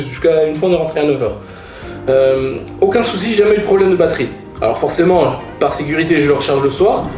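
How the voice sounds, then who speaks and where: In a high, darkish voice with plenty of reverb, the man chats informally about motorcycle gear. He's a vlogger who hammers home his points with slang and repetition.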